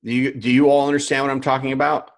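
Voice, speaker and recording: A man's voice: medium pitch, level tone, fast, creaky. A man who coaches other coaches, teaching live online from a screen share, with emphatic repetition and frequent check-ins with viewers. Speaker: business coach.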